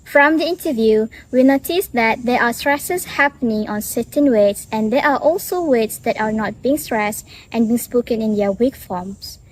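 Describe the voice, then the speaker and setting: A young woman student narrating the method and results of a class study in a steady, report-like manner. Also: on the high side, normal speed, few pauses. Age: young adult. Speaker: student presenter. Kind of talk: scripted educational narration.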